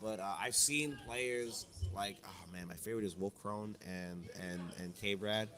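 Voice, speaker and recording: A man's voice: fairly low pitch, unhurried, a bit bright. A hungover man rambles through casual podcast chat, swearing freely as he talks about competitive play. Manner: casual, profane, rambling storyteller. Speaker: podcast guest, competitive fighting game player.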